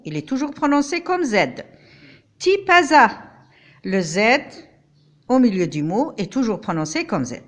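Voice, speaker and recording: An older woman teaching a language lesson, speaking slowly and deliberately, sounding out each syllable for listeners to repeat. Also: on the high side. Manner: slow, deliberate, spells out each sound for repetition. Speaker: French teacher.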